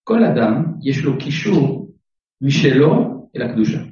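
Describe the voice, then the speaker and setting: Male rabbi, Torah lesson to a live audience, animated intonation, questions his listeners, dry humorous asides, echoey room, distant dull mic. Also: mid-range voice. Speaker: rabbi teaching a class.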